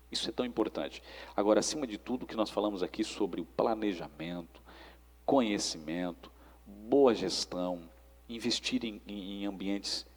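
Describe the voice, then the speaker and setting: A Brazilian man with a husky, creaky, fairly dark voice pitched on the low side speaks in a conversational preaching style. He instructs and exhorts, often checking that listeners agree, and his words fade into long reverb.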